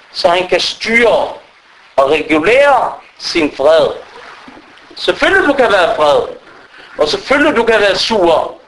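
A man's voice: high voice, low-quality recording. A male preacher giving a sermon, telling stories and acting out the people in them. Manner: animated storytelling that acts out quoted people.

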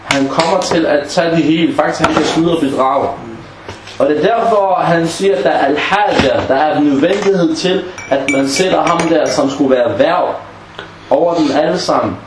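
A man teaching a class on Islamic legal maxims, often asking the students questions and acting out short example dialogues. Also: a little high. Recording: echoey room with faint background noise.

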